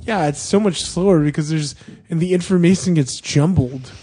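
Higher-voiced man explaining in a casual chat. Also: moderate pace, slightly rough. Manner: explains at length, trailing off softly. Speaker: podcast co-host.

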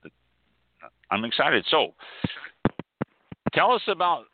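A man's voice: fairly high pitch, very animated, slow. A man hosting a live radio wine show, chatting casually and laughing now and then. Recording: phone-line sound.

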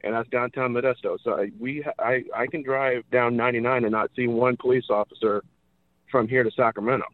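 An earnest male radio show caller from California comes through a thin, tinny phone line. His voice sits in a middling pitch and sounds close and dry, with no room around it. He hammers his points home by saying them twice. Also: fairly even intonation, brisk, no echo. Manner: earnest, repeats himself for emphasis. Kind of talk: earnest call-in opinion.

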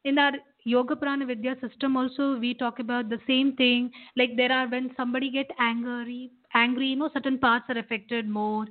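High-voiced Indian woman, phone-line sound. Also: level tone, normal speed, few pauses. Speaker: meditation teacher and guest expert. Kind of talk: explanatory interview talk, guiding meditation.

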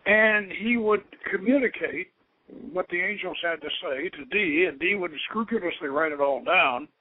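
The host of an occult radio show, a man with a high voice, explains things informally in a halting, rambling manner like a scholarly storyteller. His voice comes through a tinny, narrow, phone-like line.

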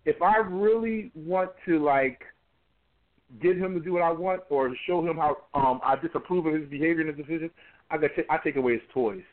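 In a conversational interview recorded with tinny phone-line sound, a forties-aged pastor speaks fairly quickly in a slightly high voice. He is emphatic and tends to repeat words as he works toward a point.

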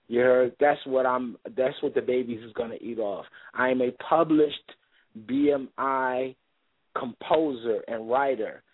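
A man's voice: medium pitch, husky, no echo. A man in his thirties, a guest on a radio show, talking boastfully in profane street slang. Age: 30s. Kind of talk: casual radio talk. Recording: phone-line call-in audio.

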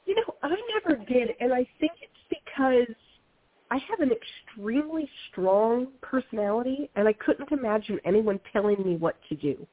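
A woman's voice: a little high, animated, moderate pace, husky. A woman in her fifties, an author guest, talking frankly and energetically in an interview conversation. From United States (Ohio, North Carolina). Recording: tinny phone line.

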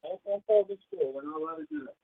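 Teacher talking with phone held away. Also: female voice, high voice, animated, fast, gravelly, no echo. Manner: coaxing, fumbling with equipment. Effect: speaking with the phone held away, faint. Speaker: teacher hosting a class radio call. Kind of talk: casual classroom talk. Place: classroom. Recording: tinny phone line, distant and quiet.

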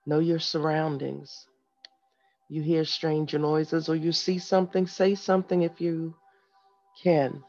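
The host of a morning wellness segment, a man with a fairly high and slightly mellow voice, speaks straight to listeners in brief, instructive phrases during a guided meditation and motivational segment. The sound is dull and lo-fi, with music in the background.

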